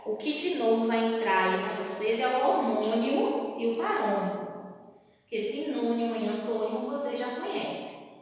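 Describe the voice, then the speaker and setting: A woman's voice: fairly high pitch, lively intonation, moderate pace, a little hiss or hum. A woman teacher explaining a grammar lesson in a patient way, often checking in with her class. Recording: echoey room with long reverb.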